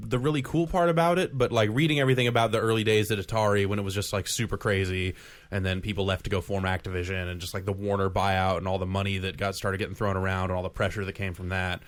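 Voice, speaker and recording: A man's voice: deep voice, level tone, fast. A man co-hosting a video game podcast in casual, rambling chat, often restarting his sentences. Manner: rambling, self-interrupting, laughs often. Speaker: podcast co-host.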